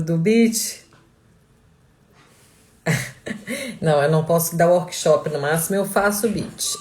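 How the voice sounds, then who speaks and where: A woman from Blumenau, Santa Catarina, Brazil, with a lowish voice and a darkish tone, greets viewers at the start of a casual live class. She teaches online courses and is chatty, reading out viewers' names and towns and laughing easily.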